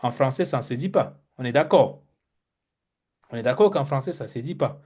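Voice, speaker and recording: Animated, mellow-voiced pastor teaching Hebrew. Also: male voice, medium pitch, a little fast. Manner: animated teacher, acts out examples, stammers on words. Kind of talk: classroom lesson.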